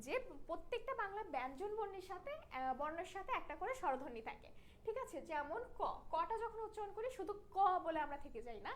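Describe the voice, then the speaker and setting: A woman's voice: very high-pitched, lively intonation, fast talker, a little hiss or hum. A young woman from Bangladesh teaching a Bangla class online, explaining patiently and checking in with her students. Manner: explanatory, checks in with tag questions.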